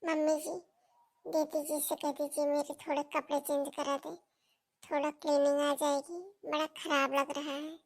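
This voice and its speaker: A wounded young daughter-in-law from a family melodrama, acted by a woman. She speaks in a high, pleading voice. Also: level tone, moderate pace. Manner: pleading, plaintive.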